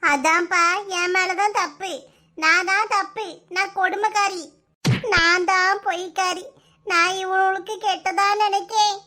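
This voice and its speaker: Woman doing a cartoon old mother-in-law: very high, piercing voice, Kanyakumari Tamil accent, loud and wailing. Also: fairly even intonation, measured pace, exaggerated voice. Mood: self-pitying. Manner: loud, wailing and self-pitying. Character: scolding old village mother-in-law, dramatic. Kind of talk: cartoon voice acting.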